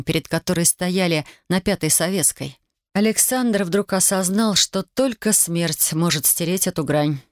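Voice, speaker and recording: A woman narrating a novel in a calm, steady storytelling manner. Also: on the low side, no room sound, studio quality. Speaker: audiobook narrator. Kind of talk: scripted narration.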